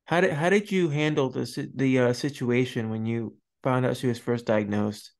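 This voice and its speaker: A man's voice: medium pitch, fairly even intonation, normal speed, creaky. A young man hosting a podcast over a video call, asking questions and offering short supportive replies. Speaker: podcast host. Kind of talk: casual video-call interview. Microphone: headset over video call.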